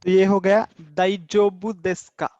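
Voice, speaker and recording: A man's voice: high voice, flat delivery, unhurried, darkish tone, no room sound. A male language teacher in an online class who patiently repeats each word and explains it in two languages, over a video call. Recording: dull video-call audio.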